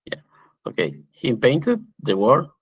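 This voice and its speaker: Hesitant male student reader, very slow, raspy, dry. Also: medium pitch, huge pitch swings, no room sound, dull audio. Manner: hesitant, slow, self-correcting. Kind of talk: reading practice sentences aloud.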